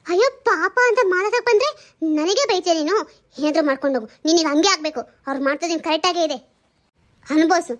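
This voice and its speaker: A woman voicing a nosy female neighbour who pries with mock sympathy. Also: very high-pitched. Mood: spiteful. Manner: prying, quick and mock-sympathetic.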